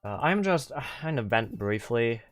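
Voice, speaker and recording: A young man chats casually with viewers on a livestream, rambling, restarting sentences, saying "like" constantly, and sometimes venting in an exasperated way. His medium-pitched voice swings widely in pitch at a normal speed, with no echo and faint game music in the background.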